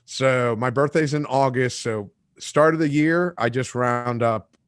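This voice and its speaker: A man in his late forties hosts a fishing talk show as a casual live-stream chat, joking and acting out quotes in his stories as an animated storyteller. His voice is medium-pitched, clean, and a little slow, recorded dry with studio quality.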